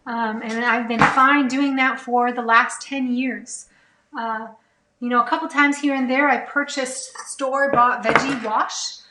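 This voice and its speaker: Brief: woman cooking host, chatty live Q&A, bright and a touch high, kitchen echo. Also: a little hiss or hum. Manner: chatty, reads viewer comments aloud, many fillers. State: a little out of breath. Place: home kitchen.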